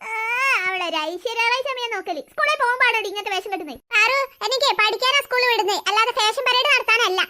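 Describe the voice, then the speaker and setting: A woman's voice: very high-pitched, fast talker, hardly any pauses, sharp tone, exaggerated voice. A woman voicing a fussy cartoon mother of three who scolds and coaxes her children. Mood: scolding. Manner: scolding, nagging, coaxing. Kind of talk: cartoon voice acting.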